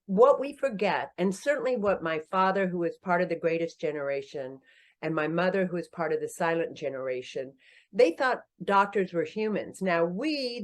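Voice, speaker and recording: Telling her story on a relaxed podcast, an author and company founder in her sixties comes across as animated and self-deprecating. Laughter is frequent, and her pitch shoots up when she jokes.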